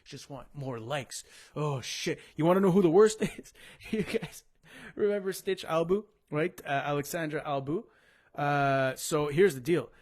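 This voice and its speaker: A man's voice: on the high side, measured pace, darkish tone. A man hosting a live sports show, ranting crudely and mocking athletes. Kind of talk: casual live sports rant.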